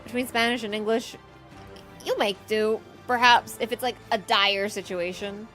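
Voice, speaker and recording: A woman's voice: mid-range voice, steady tone, moderate pace, a bit bright, soft background music. A woman streaming a game live, chatting casually, reading chat aloud and laughing often.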